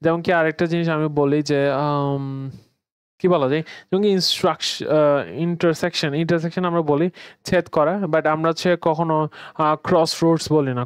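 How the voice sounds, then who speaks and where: Bangladeshi male English teacher, chatty lesson delivery, clear tone, dry recording. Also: fairly high pitch, dry recording. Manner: conversational, mixing English words into explanations. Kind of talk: online grammar lesson.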